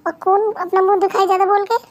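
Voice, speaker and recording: A chatty, dramatic young wife, as a woman voices her in a fan dub drama. She is quick and indignant, and her voice runs very high, loud and lively. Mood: sassy. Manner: fast, indignant, talkative. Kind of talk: fan Hindi dub role-play.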